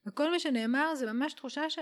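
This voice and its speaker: Slightly high woman explaining calmly. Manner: warm, explanatory, unhurried, mixes in English phrases. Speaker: podcast guest, spiritual teacher. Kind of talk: casual explanatory conversation.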